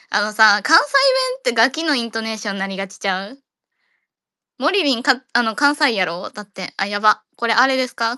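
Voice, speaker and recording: A woman's voice: fairly high pitch, pushed and bright, clear, resonant tone, no room sound, clean studio sound. A woman with a Kansai accent hosting a casual audio chat room, joking around and rambling playfully. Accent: Kansai Japanese.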